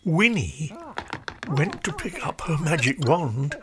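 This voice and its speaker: A woman reading a children's storybook aloud in a slow, expressive, lilting way. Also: low voice, a crowd in the background. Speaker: storybook reader. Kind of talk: storybook read-aloud narration. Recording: music playing underneath.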